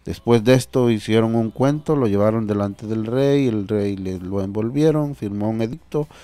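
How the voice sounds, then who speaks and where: A man's voice: lowish voice, moderate pace, mellow, clear, resonant tone, dry recording. A man preaching a sermon and reading scripture aloud, earnest and repeating phrases for emphasis.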